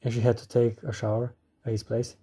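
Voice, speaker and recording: A man's voice: medium pitch, completely flat delivery, fairly quick, dark tone, slightly rough. A man narrating a scripted review as an anime reviewer.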